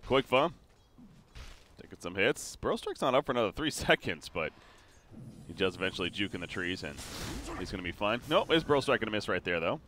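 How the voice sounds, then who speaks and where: Guy casting a video game match live, slightly low voice, bright and punchy, quick excitable calls with lots of uhs. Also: slight background noise. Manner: quick, excitable play-by-play with frequent fillers. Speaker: esports caster.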